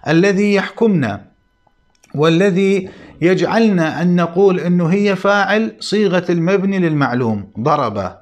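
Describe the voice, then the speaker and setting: A man teaching a grammar lesson in a methodical way, repeating key terms to stress them. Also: high-pitched. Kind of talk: explanatory lesson.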